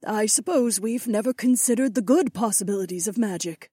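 Man doing a gentle queen, soft, breathy, mellow tone, dry audiobook sound. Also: high-pitched, a little fast, no room sound, voice pushed up. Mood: grateful. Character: gentle grateful young adult queen. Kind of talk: audiobook character voice.

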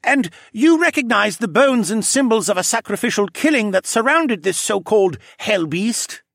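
A man's voice: sits high, expressive, moderate pace, gravelly, fairly bright tone, no room sound, clean studio sound, voice pushed up, exaggerated voice. A man voicing a frightened, pleading male muskox demi-human in an audiobook. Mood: insistent. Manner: desperate, begging. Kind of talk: audiobook character voice.

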